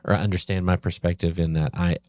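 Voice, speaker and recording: A man co-hosting a casual game chat, talking slowly and deliberately, restating his points. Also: deep voice, level tone, darkish tone, a little hiss or hum. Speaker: co-host. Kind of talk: casual chat about games.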